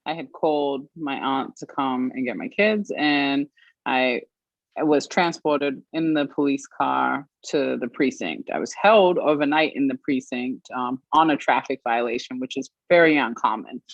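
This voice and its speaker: A woman from Australia giving an earnest personal account as an interview guest, pausing often with fillers. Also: extremely low pitch, no echo. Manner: earnest, measured, with frequent pauses and fillers. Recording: dry, slightly muffled stream audio.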